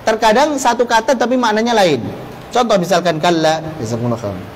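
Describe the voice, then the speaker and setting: Animated and brisk, a high-voiced Indonesian Islamic teacher walks through his Quran recitation course step by step, asking rhetorical questions and then answering them. The religious lecture draws on Arabic terms and quotations, and the audio carries a little hiss or hum.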